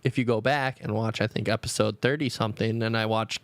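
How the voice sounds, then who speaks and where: A man co-hosting a podcast in casual chat, cracking quick jokes and laughing often. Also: fairly low pitch, steady tone, no room sound. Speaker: podcast co-host.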